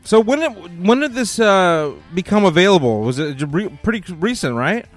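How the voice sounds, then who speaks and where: A man's voice: sits high, sing-song, moderate pace, soft background music. A man hosting a radio interview, talking in a rambling way full of fillers. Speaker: radio host.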